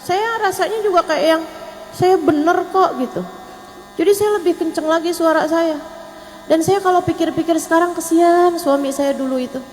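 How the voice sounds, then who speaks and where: A woman's voice: very high-pitched, moderate pace, darkish tone. A woman preacher telling a personal story to a religious gathering, quoting Arabic scripture. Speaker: female preacher. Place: majlis gathering hall. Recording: long hall reverb, faint mains hum.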